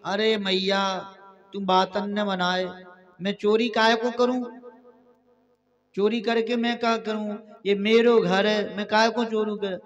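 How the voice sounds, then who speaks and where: A man's voice: sits high, flat delivery, takes it slowly, highs cut off. A man voicing the mischievous child Krishna, full of coaxing excuses, with a Bundeli accent. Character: mischievous little boy Krishna, sweet-talking.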